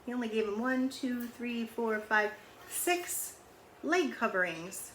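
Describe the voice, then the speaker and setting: Reading a picture book to children, this storyteller keeps it chatty, stopping to explain words and pictures and to pose questions. She has a higher voice with a fairly bright tone, lively intonation and a slow pace. The room echoes, and faint noise sits in the background.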